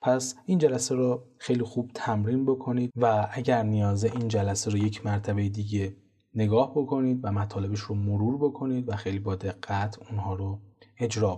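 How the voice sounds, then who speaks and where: Mellow husky teacher. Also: male voice, fairly low pitch. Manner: calm, methodical explanation with chanted example words. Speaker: Quran recitation teacher. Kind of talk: instructional lesson on tajweed pronunciation.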